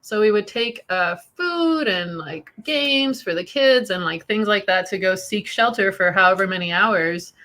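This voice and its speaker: Bright-voiced woman from Iran, chatty. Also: mid-range voice, a little slow, few pauses. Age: 40s. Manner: chatty, swears freely, laughs through dark memories. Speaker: podcast host sharing her story. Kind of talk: candid casual conversation.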